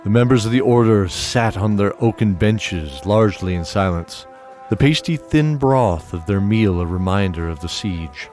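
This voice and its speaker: With music playing clearly underneath, a lowish-voiced man tells a fantasy audio drama as steady, descriptive scripted narration. He keeps a moderate pace and barely pauses.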